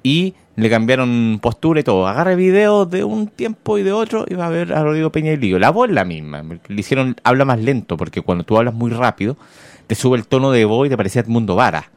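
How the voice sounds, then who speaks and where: A very animated man talks fairly quickly at a medium pitch, recorded dry. He's a Chilean Spanish-accented morning radio host offering casual, wry political chatter and reading listener messages aloud.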